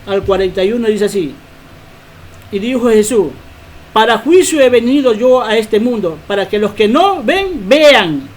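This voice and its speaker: A woman preacher giving a Bible teaching sermon, emphatic and quick to ask rhetorical questions. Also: a little high, a little hiss or hum.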